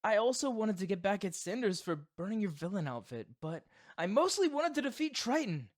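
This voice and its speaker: A man voicing a proud, theatrical supervillain boyfriend who is secretly doting, in an expressive ASMR roleplay. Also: high voice, a little fast. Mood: alarmed, frustrated.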